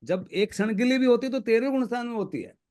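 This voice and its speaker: A man's voice: extremely high pitch, animated, fast, darkish tone. A man talking through spiritual teachings in a casual discussion, earnest and colloquial, repeating phrases for emphasis. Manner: laughs between points.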